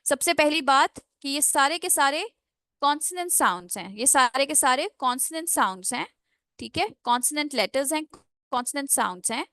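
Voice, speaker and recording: High-voiced woman teaching pronunciation. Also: sharp tone, no room sound, clean studio sound. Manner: drills phrases slowly, syllable by syllable; mixes English into Hindi explanations. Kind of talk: online class lecture.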